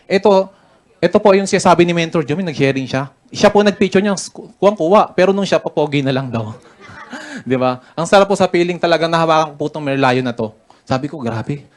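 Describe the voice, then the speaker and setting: This business mentor from the Philippines has a fairly high, expressive voice and talks fairly quickly. He's chatty and full of jokes, laughing his way through the stories in his motivational talk.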